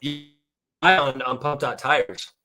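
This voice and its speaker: A man's voice: medium pitch, steady tone, slow pace, pushed and bright. A man hosting a casual live stream, talking in rambling restarts over an online call connection that keeps breaking up. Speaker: livestream host.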